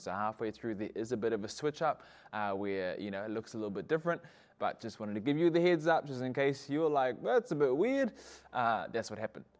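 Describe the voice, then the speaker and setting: A man hosting a casual podcast interview, upbeat and enthusiastic, with lots of fillers and laughter. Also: mid-range voice. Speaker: podcast host.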